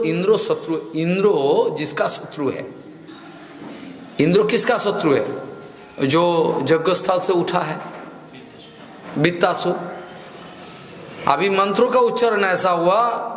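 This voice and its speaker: A man telling a scripture story as a devotional sermon, repeating and restarting his phrases and acting out the voices in it. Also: high-pitched. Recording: echoey hall with long reverb.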